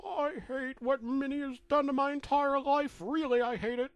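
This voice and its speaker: A man voicing a tearful male cartoon mouse, whining in a very high voice. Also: fairly even intonation, normal speed, dry recording. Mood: bitter. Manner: whiny, pleading.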